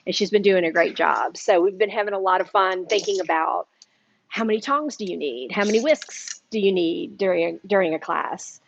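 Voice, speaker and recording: A woman's voice: on the low side, moderate pace, creaky, lo-fi sound, slight background noise. A woman hosting a live cooking demonstration in a shop kitchen, chatty and eating while she talks. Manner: chatty, eats and talks at once. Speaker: cooking class host. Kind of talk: casual live cooking demo.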